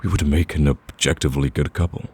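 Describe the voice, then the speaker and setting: A man playing a smug, flirtatious villain in an ASMR roleplay, teasing the listener in a casual, drawling, gravelly voice. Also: steady tone, fast, darkish tone, heavily acted. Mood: hopeful flirting. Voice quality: deep, gravelly.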